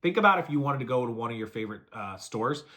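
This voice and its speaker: A man giving brisk step-by-step selling advice in a casual video, listing steps and repeating them. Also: mid-range voice, animated, pushed and bright. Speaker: reseller giving selling tips. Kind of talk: fast casual how-to talk to camera.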